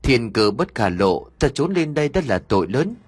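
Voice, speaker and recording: A man's voice: medium pitch, very animated, moderate pace, husky, no room sound. A man voicing a mysterious, secretive male spirit who commands with urgency. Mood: stern urging.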